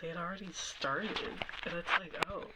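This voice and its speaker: A woman hosting a livestream in a soft, whispered ASMR ear-cleaning style, close to the microphone. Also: sits low, normal speed, background noise.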